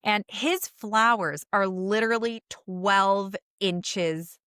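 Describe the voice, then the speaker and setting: A woman co-hosts a relaxed podcast conversation, speaking with earnest emphasis and a mid-range pitch. Her pace moves freely between quick and drawn-out. The recording is dry and close. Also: clear, resonant tone, no echo. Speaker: podcast co-host and coach.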